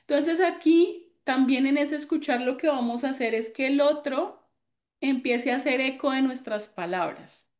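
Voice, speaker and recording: A woman's voice: sits high, normal speed, a little mellow. A woman giving an online class on psychological first aid, explaining with acted-out examples and answering students by name.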